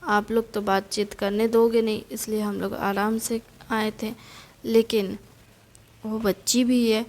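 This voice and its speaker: A woman's voice: mid-range voice, level tone, unhurried, darkish tone, natural voice. A woman voicing a flustered middle-aged mother who rambles anxiously with many restarts. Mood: bluffing.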